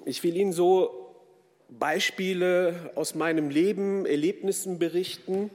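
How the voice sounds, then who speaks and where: Giving a formal talk dotted with fillers and frequent hesitations, a man with Kurdish roots in Turkey who grew up in Germany speaks earnestly. He has a high-pitched, slightly mellow voice with fairly even intonation at a measured pace, heard through long hall reverb.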